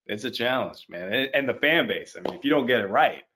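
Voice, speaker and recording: A young Haitian actor, appearing as a guest, chats casually on a video call in a loose interview, easygoing and repeating his phrases. His medium-pitched voice is animated, brisk and bright, with a forceful tone.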